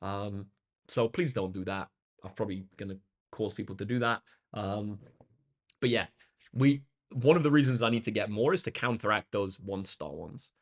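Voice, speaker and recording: Speaking at an ordinary speed in a lowish voice, a maths tutor chats on a livestream. He sounds slightly croaky and tired as he addresses viewers directly, informally thanking them.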